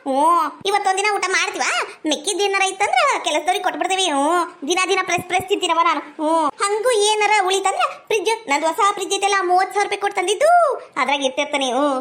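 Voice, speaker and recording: A woman speaks in a very high, quick voice with a North Karnataka Kannada accent. She boasts and bickers as she plays village women in a comedy sketch, firing words off briskly. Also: fairly bright tone. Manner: bragging, quarrelsome, playing several village women.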